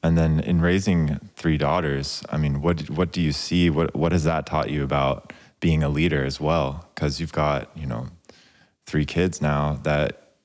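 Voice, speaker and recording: Very deep-voiced podcast host. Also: male voice, steady tone, measured pace, a little mellow, long reverb tail. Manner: encouraging, frequent backchannels. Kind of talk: podcast interview.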